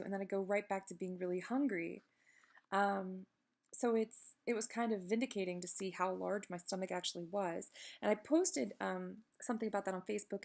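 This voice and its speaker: Creaky-voiced woman vlogging while recovering from surgery. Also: mid-range voice. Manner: candid, self-deprecating, rambling with digressions. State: recovering the day after surgery. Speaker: video blogger giving a personal health update. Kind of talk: casual chatty update to camera.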